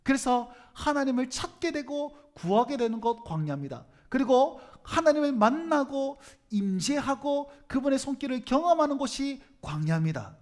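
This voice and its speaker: Pastor, male, middle-aged, Gyeongsang accent; humorous sermon delivery with a pitch that climbs and dips a lot. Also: sing-song, moderate pace, hardly any pauses. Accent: Gyeongsang Korean. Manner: humorous, asks the congregation questions, acts out quoted speech.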